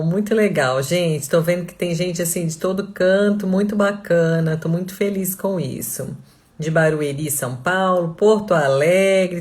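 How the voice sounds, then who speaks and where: Chatty woman greeting live viewers. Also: fairly low pitch. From Blumenau, Santa Catarina, Brazil. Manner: chatty, reads out viewers' names and towns, laughs easily. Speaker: online course instructor. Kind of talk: casual live-class greeting.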